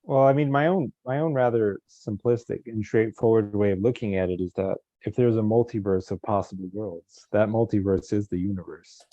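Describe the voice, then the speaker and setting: Deep, dark-voiced bookish man. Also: no room sound, muffled recording. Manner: measured, bookish, quotes philosophers. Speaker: co-host in discussion. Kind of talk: casual philosophical conversation.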